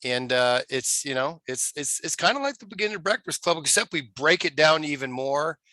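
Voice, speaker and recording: A man's voice: on the high side, animated, moderate pace, pushed and bright, no echo. A man on a video call, enthusiastically explaining a sales training session. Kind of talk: casual video call chat.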